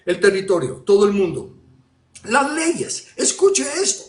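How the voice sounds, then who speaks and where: A man preaching with a raised, fairly high voice that carries a strong room echo. He presses his points hard, repeating phrases and firing rhetorical questions at the congregation. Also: wildly swooping pitch, a little slow. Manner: emphatic, with rhetorical questions and repetitions. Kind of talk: sermon.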